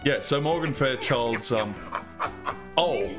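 A man's voice: mid-range voice, takes it slowly, over music. A man casually commenting on an old computer game he plays, swearing and rambling. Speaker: let's play host.

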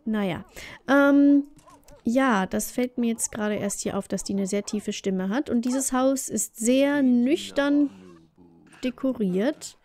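A woman hosts a let's play in a relaxed, chatty way, often speaking straight to the characters on screen. Her voice sits a bit high but sounds soft and mellow, and her commentary stays casual throughout. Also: slow. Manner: chatty, talks to the game characters.

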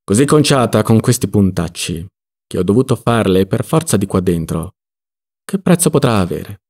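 Male reader voicing a calm, mocking craftsman; dark, gravelly, unhurried; audiobook. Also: fairly low pitch. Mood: reasoning. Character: placid, sly male jar-mender, stubborn and mocking.

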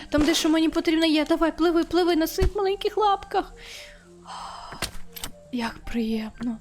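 A woman's voice: sits high, slight background noise. A woman streaming a video game, talking to the game as she plays and shrieking when it goes wrong. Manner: excitable, shrieks when frustrated; talks to the game. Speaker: gaming streamer. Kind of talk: let's-play commentary.

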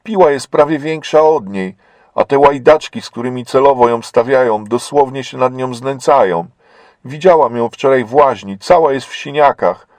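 A man voicing a bold young woman prisoner who pleads urgently and indignantly, raising his voice higher and louder. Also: moderate pace, dry recording, natural voice.

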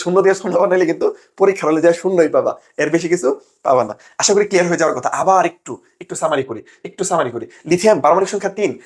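A young man gives an exam-prep lesson at a rapid clip. His voice sits high. He keeps hammering each point home and checks in again and again that the students are keeping up. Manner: rapid, emphatic, keeps asking "ঠিক আছে?". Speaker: admission test tutor.

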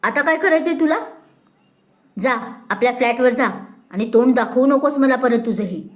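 A woman's voice: high-pitched, normal speed, close to an everyday voice. A woman voicing a stern middle-aged mother who scolds her daughter in exasperation. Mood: scolding.

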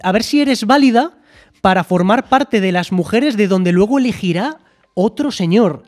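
A man's voice: high voice, animated, normal speed. A man from co-hosting a casual podcast chat, teasing and joking as he talks. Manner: joking, teasing, repeats himself. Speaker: podcast co-host.

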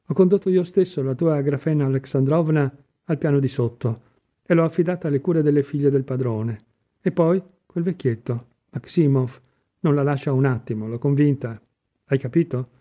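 Storybook part: a man doing a soft-hearted old police chief, coaxing and earnest, dark-toned voice. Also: mid-range voice, normal speed, natural voice. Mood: earnest fatherly. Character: older male police chief, fatherly, kind-hearted, agitated.

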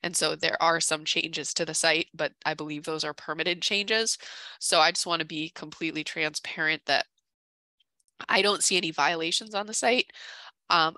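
Through a headset on a video call from an indoor room, a woman on the town conservation staff walks an informal meeting through a case. Her low, forceful voice is beginning to tire, and she explains carefully, with halting pauses. The sound has no echo.

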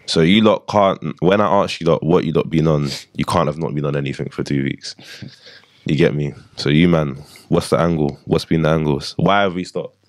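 Young male podcast host, London roadman accent, low-pitched voice, close dry studio sound. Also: moderate pace, dry recording. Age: young adult. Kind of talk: casual group banter in street slang. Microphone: boom-arm podcast microphone.

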